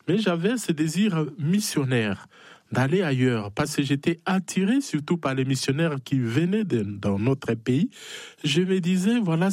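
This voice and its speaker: A missionary priest from the Democratic Republic of the Congo, with a Congolese French accent, gives personal testimony in a conversational interview. His voice is a little high and darkish in tone, hesitant, with frequent small affirming tags. The recording is dry.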